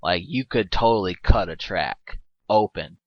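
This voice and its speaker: Brief: low male voice, loose joking film commentary, dull dead-dry recording. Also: expressive, a little slow, no room sound. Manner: rambling, filler-heavy, joking with frequent laughs. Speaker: movie commentary host.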